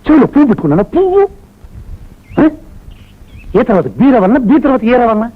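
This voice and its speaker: An actor playing a short-tempered, pompous boss who badgers people with sharp repeated questions, in comic film acting. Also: male voice, very high-pitched, sing-song, fast, exaggerated voice. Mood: badgering. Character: blustering, short-tempered male boss, middle-aged. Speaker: pompous boss interviewing job applicants. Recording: dull film soundtrack with faint music.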